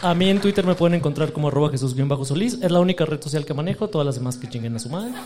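A man with a Mexican accent co-hosting a podcast, teasing the others with quick comebacks. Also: on the high side, animated, mellow. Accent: Mexican Spanish. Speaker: podcast co-host. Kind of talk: casual podcast banter. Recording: noticeable background noise.

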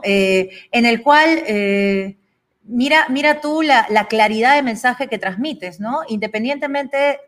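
A woman's voice: fairly high pitch, fairly bright tone. A woman hosting an interview, speaking reflectively with tag questions and frequent restarts. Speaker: host. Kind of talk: conversational interview.

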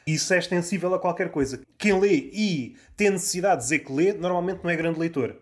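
A man with a European Portuguese accent, speaking reflectively and in measured terms in a podcast chat, often citing writers. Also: high voice. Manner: reflective, measured, fond of quotations.

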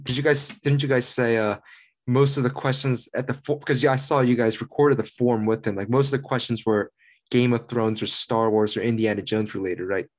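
A man talks casually as a podcast co-host. His voice sits at an average male pitch. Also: steady tone, a little fast.

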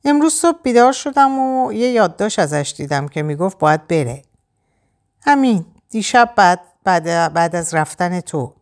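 A woman's voice: lowish voice, animated, voice pushed up. A woman voicing a harried male bar manager who stammers and restarts his sentences. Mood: flustered.

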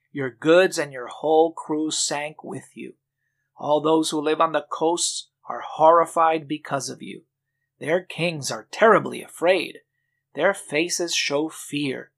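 A man reading scripture aloud in a measured, scripted way, pausing through long lists. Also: fairly high pitch, creaky, a bit bright. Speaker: scripture reader.

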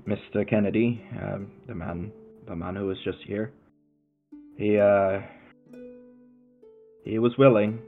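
A man's voice: fairly low pitch, vocal fry. A man voicing a worried, humble innkeeper in a tabletop game, talking in a hesitant, stammering way with rustic grammar. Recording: tinny phone-like line.

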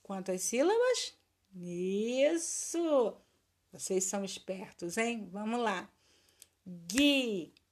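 A woman's voice: medium pitch, big pitch swings, takes it slowly, darkish tone, a little hiss or hum. A woman teacher giving a recorded lesson for children, drilling words in a patient sing-song and praising her pupils.

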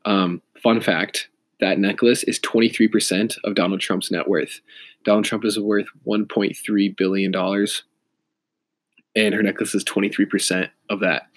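Guy with a stuffed-up nose from a cold, deep voice, lots of ums and second-guessing. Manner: rambling, hesitant, many fillers and self-corrections. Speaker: vlogger. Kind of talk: casual opinion monologue.

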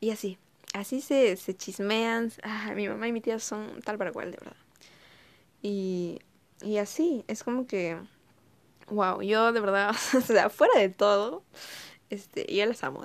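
An eighteen-year-old woman with a Peruvian accent telling family stories in a chatty, casual way, full of fillers. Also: mid-range voice. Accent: Peruvian Spanish. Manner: chatty, lots of fillers and laughing asides. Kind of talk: casual storytelling monologue.

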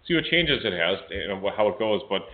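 A man's voice: fairly low pitch, very animated, brisk. A man co-hosting a sports talk show, nasal with a cold, rambling with many fillers. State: has a cold. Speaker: co-host. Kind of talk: casual sports radio talk. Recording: tinny phone-like audio.

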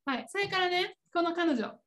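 A woman's voice: extremely high pitch, expressive, moderate pace, fairly bright tone. A woman with a Kansai Japanese accent chatting casually on a podcast, laughing often as she explains. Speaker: podcast co-host. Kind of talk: casual chat.

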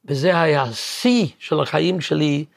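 Guest composer, male, very gravelly, slightly high, halting storyteller who keeps hunting for words. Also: lively intonation, dry recording, studio quality. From Williamsburg, New York. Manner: halting, searching for words, many restarts. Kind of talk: casual storytelling interview.

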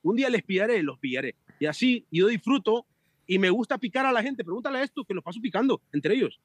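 A man chatting as a podcast guest, telling animated stories, joking and swearing freely over a remote call. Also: high-pitched, fast, husky, dry recording. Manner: animated storyteller, swears, jokes. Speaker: podcast guest, amateur cyclist. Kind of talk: casual chat.

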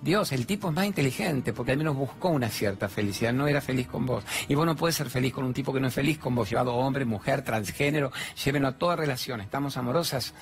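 A man's voice: medium pitch, quick pace, few pauses. Blunt Argentine man giving a talk. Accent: Argentine Spanish. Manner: colloquial and blunt, acts out dialogues. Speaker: spiritual speaker. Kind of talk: motivational stage talk with storytelling. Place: studio with two fixed cameras.

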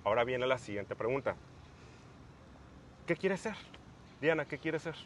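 A man's voice: mid-range voice, animated, unhurried, fairly bright tone. A young man hosting a casual podcast, thinking aloud with frequent restarts and fillers. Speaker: podcast host.

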